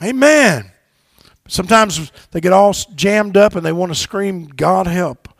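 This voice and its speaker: A man preaching from a church pulpit, his very high voice rough with gravel. He shouts his exhortations and drops to low, quiet asides, and he calls on the congregation to say lines back with him. The sound is close and dry. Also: animated, a little slow, dry recording. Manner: call-and-response with the congregation. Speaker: pastor. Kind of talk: sermon. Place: church sanctuary.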